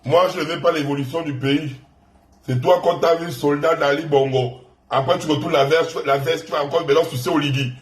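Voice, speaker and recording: A man's voice: a little high, steady tone, brisk, echoey room. A man with a Gabonese French accent hosting an online live stream, taunting and insulting a rival in a mocking, repetitive rant.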